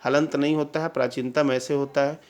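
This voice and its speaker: A man teaching an exam-prep Hindi lesson, drilling correct spellings and checking with quick questions. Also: a little high, level tone. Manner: drills answers with repeated questions and "clear?" checks.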